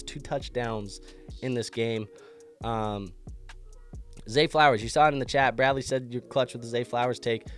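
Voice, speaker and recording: The host of a fantasy football show, stuffed up from an illness, gives a casual recap of the sports action. His pitch is medium, and he keeps his delivery loose and conversational, often starting over mid-thought.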